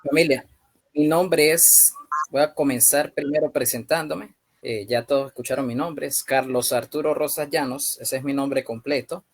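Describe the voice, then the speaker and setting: A man's voice: medium pitch, fairly even intonation. Venezuelan man teaching an online class. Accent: Venezuelan Spanish. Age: 30s. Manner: measured, with frequent hesitant fillers. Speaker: youth ministry instructor.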